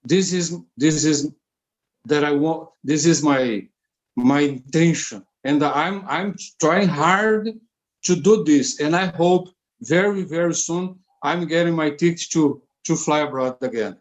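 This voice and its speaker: A man whose voice is a little high speaks English as a second language with a Brazilian Portuguese accent. In a casual interview conversation, he halts, repeats words and leans heavily on fillers.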